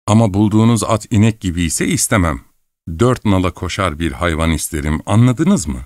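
A man's voice: low voice, lively intonation, fairly quick, no room sound, clean studio sound. A man voicing a playful, mocking young princess in an audiobook reading. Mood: teasing. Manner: mocking, coquettish.

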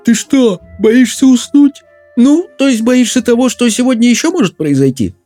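A young boy in an audiobook who grumbles and teases his brother, as a male narrator does him. The voice is pitched well up, with a mellow, dark tone. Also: animated, normal speed, faint music behind. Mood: teasing. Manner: grumbling, teasing. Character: sleepy, teasing younger boy, twin brother.

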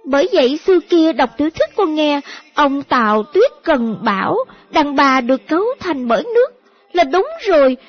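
A playful, pouty young woman, as a woman voices her. She coaxes and wheedles in a high voice. The storybook audio is dull and lo-fi, with faint music. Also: very animated, moderate pace. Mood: teary. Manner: coaxing, wheedling. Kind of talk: audiobook character voice.

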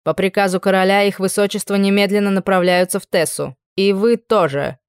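A woman's voice: medium pitch, steady tone, brisk, clear, resonant tone, no room sound, clean studio sound, lightly acted. A woman voicing a cold, steely male envoy of the king, giving clipped commands.

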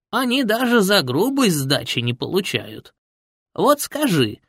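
A creaky, gruff old village man, as the male reader of an audiobook puts him on, blunt and folksy as he spins his tale. His voice rises and falls with lively swings, and the recording is close and dry. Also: a little high, no echo, voice pushed up, heavily acted. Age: older. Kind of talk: audiobook character voice.

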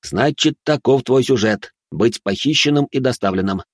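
A man voicing a smug, cocky tattooed thug who mocks with an unhurried drawl. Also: mid-range voice, animated, no echo, clean studio sound, close to an everyday voice. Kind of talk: audiobook story narration.

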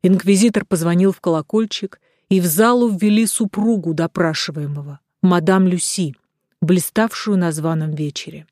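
A woman narrating an audiobook in a measured, steady reading. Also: on the low side, no room sound, clean studio sound.

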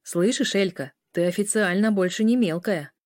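A woman's voice: mid-range voice, normal speed, a little mellow, no echo, clean studio sound, natural voice. A woman voicing a brusque older brother who teases his little sister. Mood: teasing. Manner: teasing, brusque. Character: older brother, teasing and rough.

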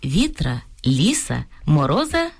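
Low, husky woman on radio. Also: huge pitch swings. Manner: clear, deliberate listing of examples. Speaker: radio co-presenter. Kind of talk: scripted educational radio talk. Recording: radio studio broadcast.

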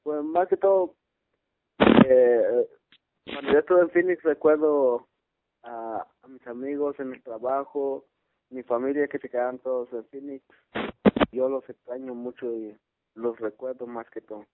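A man's voice: mid-range voice, steady tone, unhurried, long pauses, very noisy. A man in his twenties from Guatemala, answering interview questions hesitantly and searching for words. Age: 20s. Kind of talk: casual phone interview. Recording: tinny phone line.

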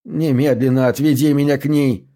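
A man's voice: mid-range voice, fairly even intonation, moderate pace, dark tone, pitched above the performer's own voice, close to an everyday voice. A man voicing a frail, shaken old blind man in an audiobook, speaking in a strained, insistent way. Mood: commanding. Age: older. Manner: strained, pleading.

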